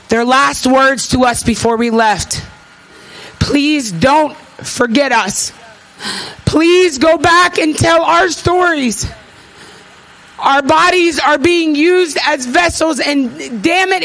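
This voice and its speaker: A woman in her thirties, an activist, delivers an impassioned, emphatic speech to an audience at a rally, repeating phrases and letting emotion show. Her voice is high, slow, and fairly bright, with vocal fry, and the recording is rough.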